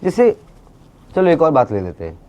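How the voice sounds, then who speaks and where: A man speaking as an interview guest, talking in an animated, casual way and dropping English phrases into his speech. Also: on the high side, normal speed, highs cut off. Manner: animated, mixes English into speech, many fillers. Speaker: interview guest, actor and creator.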